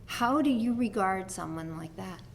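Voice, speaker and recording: A woman's voice: medium pitch, expressive, moderate pace, creaky, a little hiss or hum. A middle-aged woman from New York with a New York accent, giving a conversational dharma talk as a teacher, telling stories with light laughs. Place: meditation hall talk.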